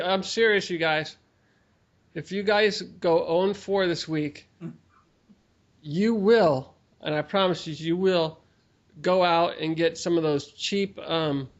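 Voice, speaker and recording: High-pitched joking man, co-host, dull lo-fi audio. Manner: teasing, jokey, laughs often. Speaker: show co-host. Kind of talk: casual joking sports chat.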